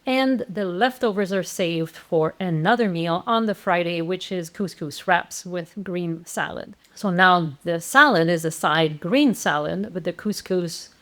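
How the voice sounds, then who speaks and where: A woman with a lowish, slightly bright voice acts as a plant-based meal planning instructor, walking through meal plans at an unhurried pace. Her explanation is casual and conversational, with frequent fillers and restarts.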